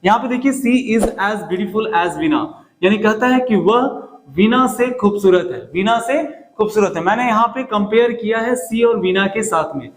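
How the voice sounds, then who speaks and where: High-voiced Hindi-accented grammar teacher. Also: male voice, normal speed, rough recording. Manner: repeats key words, quizzes students with questions. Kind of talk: classroom grammar lesson.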